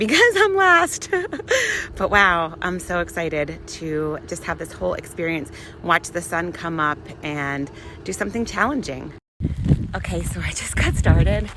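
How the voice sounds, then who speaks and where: Woman vlogger, upbeat motivational delivery into a phone, outdoors, with clear traffic and ambient noise behind her. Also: on the low side. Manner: upbeat, enthusiastic, laughs often. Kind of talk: motivational vlog while hiking. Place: outdoors on a mountain trail.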